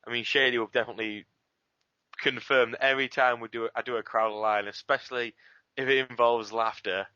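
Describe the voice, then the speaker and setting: Bright-voiced man on lo-fi voice chat. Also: medium pitch, steady tone, brisk, no room sound. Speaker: scriptwriter of an abridged series. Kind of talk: casual interview chat. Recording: dull lo-fi voice chat audio.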